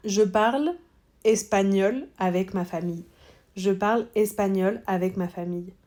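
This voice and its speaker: Her voice mellow and medium in pitch, this teacher prepares students for a French exam. She talks at a slow, deliberate pace and repeats the model answers.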